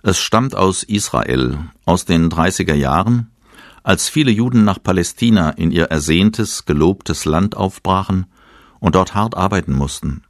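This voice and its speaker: A man with a very low, deep voice reads a calm evening devotional. His delivery is slow, measured and solemn. The sound is close and dry. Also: dry recording.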